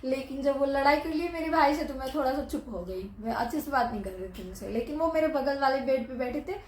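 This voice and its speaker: A woman's voice: sits high, expressive, brisk, echoey room. A young woman vlogger telling a personal story in a casual, chatty way, with many asides.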